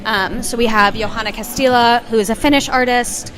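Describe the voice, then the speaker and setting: A woman's voice: a little high, fairly even intonation, fairly quick. A woman who founded a gallery explaining her booth in an organized way during an interview at an art fair. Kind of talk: casual interview. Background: loud music.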